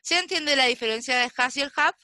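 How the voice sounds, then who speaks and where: Patient woman English teacher with a higher, crisp voice and a slow, checking delivery. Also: sharp tone, no echo. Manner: slow, patient explaining with frequent checking questions. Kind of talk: online class lesson.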